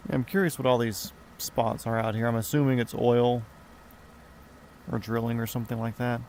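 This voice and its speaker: A man's voice: medium pitch, level tone, normal speed, darkish tone, a little hiss or hum. A man streaming a flight simulator, chatting casually in a rambling, profane, offhand way from his home gaming room at a desk mic. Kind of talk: casual live-stream chat.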